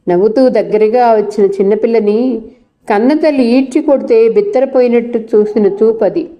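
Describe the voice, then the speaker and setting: A woman narrating a novel in a steady storytelling manner. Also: a little high.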